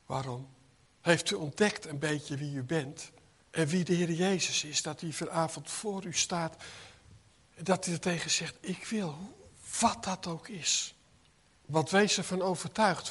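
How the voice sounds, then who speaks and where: A man's voice: a little high, a bit bright, husky. A man preaching an earnest sermon that builds to emphatic peaks, addressing his congregation in church.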